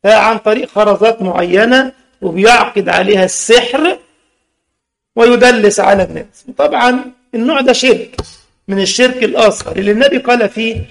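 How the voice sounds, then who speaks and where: A man's voice: high voice, brisk, gravelly, a bit bright. A man with an Egyptian accent giving a religious lesson, mixing formal and colloquial speech and quizzing his listeners. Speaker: Islamic religious teacher.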